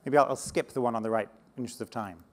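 A man giving a conference talk on slides, animated and often restarting words, speaking to a live audience. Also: medium pitch, racing. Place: conference stage before an audience.

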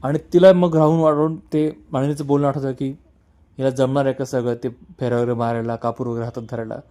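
Male recap narrator, mellow dark voice, casual storytelling to viewers. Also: mid-range voice, flat delivery, quick pace. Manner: storytelling, addresses viewers as friends. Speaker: television serial recap narrator.

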